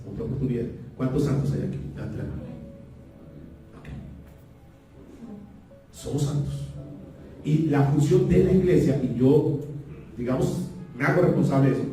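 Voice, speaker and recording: Pastor preaching in a very echoey hall. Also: male voice, a little high, mellow. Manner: calls the congregation to repeat after him; emphatic, repeats key phrases. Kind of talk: sermon. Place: church hall. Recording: very echoey room, heard from far off.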